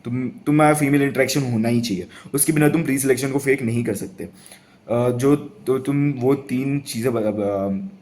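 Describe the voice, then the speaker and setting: A man's voice: medium pitch, moderate pace, a little mellow, slight background noise. A young man giving casual dating advice to camera, rambling and laughing often, with lots of restarts and fillers.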